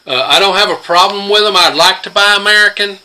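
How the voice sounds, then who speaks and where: An older man's high voice comes through fairly quickly with a sharp tone as he shows his tools in his home workshop. The homesteader host rambles plainly with plenty of fillers in a casual demonstration, and the low-quality recording comes from a phone camera close to the workbench.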